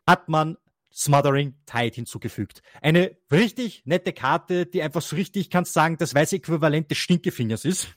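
A man's voice: fairly high pitch, normal speed, no room sound. Rambling German man, dry close sound. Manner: rambling with many restarts and fillers; laughs often. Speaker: co-host. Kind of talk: casual card game podcast chat.

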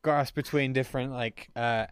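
A man's voice: mid-range voice, steady tone, moderate pace, clear, resonant tone, dry recording, studio quality. A man playing a tabletop game with friends, laughing often, swearing, rambling. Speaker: player. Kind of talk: casual tabletop game chat.

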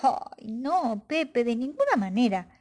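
Caring mother possum read by a woman, soft, motherly, lively pitch, storybook. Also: slow. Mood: scolding.

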